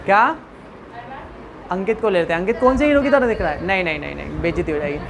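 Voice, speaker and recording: A woman's voice: on the low side, quick pace, crowd noise. A woman biology teacher lecturing a classroom, repeating questions for the students to answer back and joking with them informally. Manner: repeats questions to the class, call-and-response drilling.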